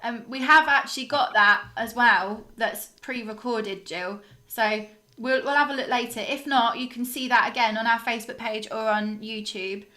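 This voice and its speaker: A woman's voice: a little high, moderate pace, few pauses, pushed and bright. A female band singer chatting casually on a video-call live stream, reading out viewer comments with frequent "um"s. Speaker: lead singer of a soul band.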